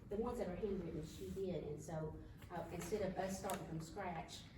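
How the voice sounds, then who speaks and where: Lower-voiced woman, distant in echoey room. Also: moderate pace. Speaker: county staff member presenting salary figures. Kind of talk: informal meeting presentation. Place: indoor meeting room, far from the mic. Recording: distant echoey room recording, clear background noise.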